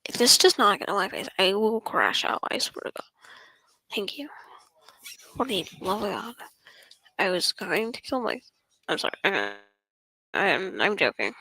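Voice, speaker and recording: A woman's voice: mid-range voice, very animated, moderate pace, pauses often, pushed and bright, no room sound. A woman streamer chatting to herself while gaming, joking and often dropping into whispers. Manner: jokey, self-interrupting. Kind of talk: casual gameplay commentary.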